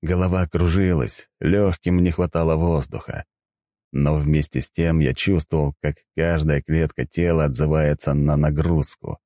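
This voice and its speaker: Male audiobook narrator, low dark voice, dry close sound. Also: steady tone, normal speed, no echo. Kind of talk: first-person audiobook narration.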